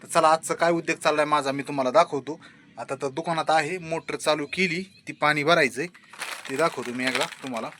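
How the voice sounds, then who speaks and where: Bright-voiced man vlogging outdoors on a rainy morning. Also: on the high side, fairly even intonation, a little fast. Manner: coaxing, soothing talk to a small child. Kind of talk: casual vlog narration.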